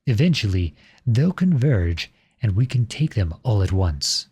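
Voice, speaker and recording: The actor gives the outlawed prince, now a humble soldier in an audio drama, big pitch swings and a heavily acted, slightly mellow voice with a breathy edge. He remains formal, measured, courteous and earnest, serious and strategic in mood.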